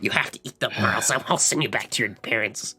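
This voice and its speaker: A man voicing a stern old emperor who scolds a child about eating vegetables, low and quiet. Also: brisk, breathy edge, soft background music, heavily acted. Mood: scolding. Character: stern, grumpy old male emperor as a dad.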